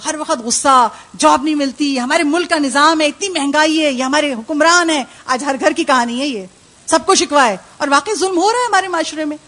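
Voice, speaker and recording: A woman's voice: high-pitched, a bit bright. A woman speaking at a religious gathering, giving an impassioned sermon full of rhetorical questions and acted-out voices. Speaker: female religious speaker (zakira) at a majlis. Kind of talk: Muharram majlis sermon.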